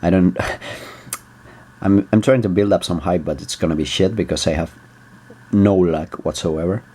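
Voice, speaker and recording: A man's voice: low voice, moderate pace, warm tone, slightly rough. A man with a Spanish accent, rambling casually as a vlog host, with many fillers and restarts and some casual swearing. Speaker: video host.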